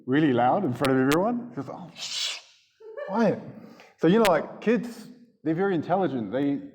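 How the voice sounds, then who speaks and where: A man's voice: fairly high pitch, expressive, fast, darkish tone. A man gives a casual, chuckling personal testimony to a church congregation. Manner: casual storytelling with frequent chuckles. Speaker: church speaker giving testimony. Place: church hall before an audience. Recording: long hall reverb in a church.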